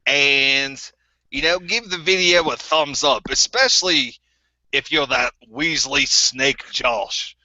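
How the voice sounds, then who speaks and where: A man's voice: mid-range voice, slow, sharp tone. A man playing a bitter, crude ex-member of a group, with a put-on New Zealand accent and a rambling, stammering way of talking. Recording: dull lo-fi recording.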